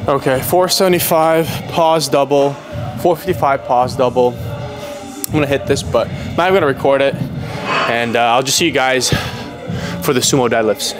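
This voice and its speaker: A man talking casually to the camera as a powerlifting vlogger, in between lifting weights and warming up. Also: medium pitch, normal speed, over music. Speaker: powerlifter vlogging meet prep. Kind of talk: casual training vlog talk to camera.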